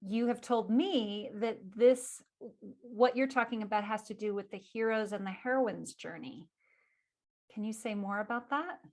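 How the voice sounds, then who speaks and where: Bright-voiced woman hosting an interview. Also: on the high side, unhurried. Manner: affirming, with frequent "mm-hmm" backchannels. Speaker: interview host, conference organizer.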